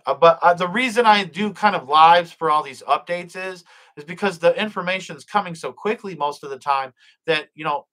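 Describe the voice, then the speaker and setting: A fairly high, fairly bright voice belongs to a middle-aged live-stream host, heard through a rough recording. He reads the chat aloud, blesses viewers and prays, hesitating with plenty of fillers and false starts.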